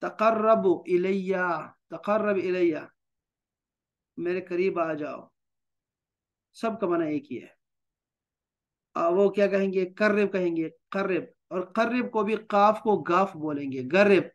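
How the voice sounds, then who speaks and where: A man teaching a recorded language lesson, explaining step by step and repeating words slowly. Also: a little high, muffled recording. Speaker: Arabic teacher.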